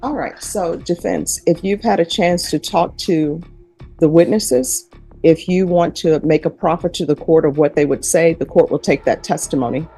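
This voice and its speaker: Fields: Sex: woman. Role: judge. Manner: brisk, formal, businesslike. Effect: courtroom recording. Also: low-pitched, mellow, husky, soft background music, poor audio.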